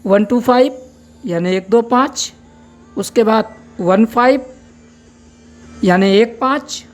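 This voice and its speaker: A woman's voice: on the high side, slow, soft background music. A woman teaching a braille lesson, patiently spelling words out and explaining each step. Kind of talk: slow spoken lesson.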